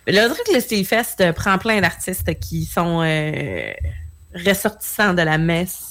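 A woman's voice: on the low side, expressive, slow, fairly bright tone. A woman co-hosting a radio show, talking casually with a Québécois accent, with many fillers as she reads out listener messages. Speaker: radio co-host.

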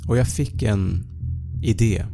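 Gravelly, dark-voiced male horror narrator. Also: lowish voice, soft background music. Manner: measured, suspenseful. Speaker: podcast narrator. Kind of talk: first-person horror storytelling.

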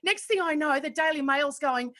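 A woman's voice: sits high, normal speed, a bit bright. A woman chatting as a guest, blunt and swearing freely. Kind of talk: casual chat.

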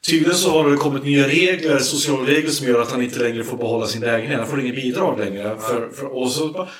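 A man's voice: medium pitch, far from the mic. A man chatting casually, often ending remarks with a questioning tag and swearing offhand. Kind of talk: casual chat. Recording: roomy sound from away from the mic.

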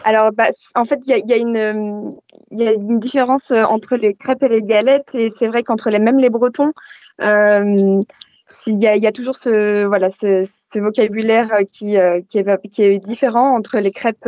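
A woman's voice: mid-range voice, fairly even intonation, normal speed, dark tone, no echo. A young woman from Brittany calling in to a radio show over an internet call, speaking hesitantly with many fillers. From Brittany, France. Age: young adult. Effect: caller heard over an internet call line. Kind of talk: casual call-in chat. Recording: dull, dry internet call audio.

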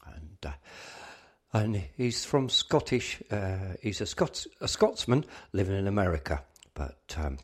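A man's voice: sits low, big pitch swings, measured pace. A man hosting a brass band radio show, talking casually with lots of fillers and some rambling.

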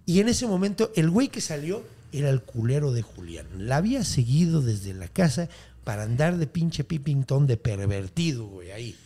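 A man's voice: mid-range voice, sing-song, normal speed, warm tone. A man telling a scary legend as a comedy, full of slang and swearing. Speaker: storytelling podcast host. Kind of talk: comedic storytelling.

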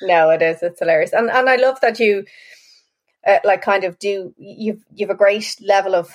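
A woman's voice: mid-range voice, normal speed. Woman in her forties, interviewing. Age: 40s. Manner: warm, self-deprecating, laughs easily. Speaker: podcast host. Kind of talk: casual interview chat.

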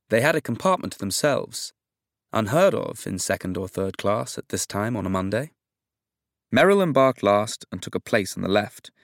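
A man reading a novel aloud as narrator in a measured, even storytelling manner. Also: on the low side, creaky, no echo, clean studio sound. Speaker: audiobook narrator. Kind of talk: scripted narration.

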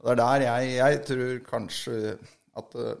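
Creaky-voiced man in casual chat. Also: medium pitch, fairly even intonation. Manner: blunt, earthy opinions with many fillers. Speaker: podcast co-host, football fan.

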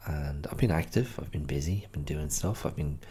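A rumbling low, mellow and slightly rough voice belongs to an Irish podcast host who talks a little fast. He's tired and somewhat stuffy-nosed from hay fever, rambling casually through his solo episode and often correcting himself.

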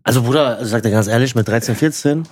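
A man's voice: medium pitch, fast talker, husky, dry recording, clean studio sound. A man chatting casually, throwing in colloquial questions and interjections. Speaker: podcast co-host asking questions. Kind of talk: casual chat.

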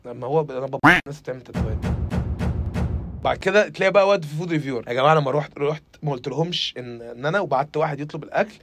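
A man's voice: fairly high pitch, racing, music in the background. A young man with an Egyptian Arabic accent, hosting a comedy podcast and riffing mockingly, slipping into impressions. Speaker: podcast host.

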